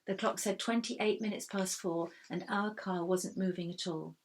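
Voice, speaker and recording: A woman reading a first-person children's story aloud in a steady, expressive way. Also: fairly low pitch, normal speed. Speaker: reader.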